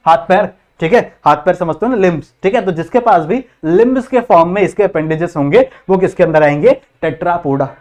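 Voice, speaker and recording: A man's voice: high voice, darkish tone. A young man teaching a biology class, asking rhetorical questions and checking in constantly. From India. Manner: repetitive, quizzing students with constant check-ins. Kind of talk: classroom lecture in Hindi-English mix.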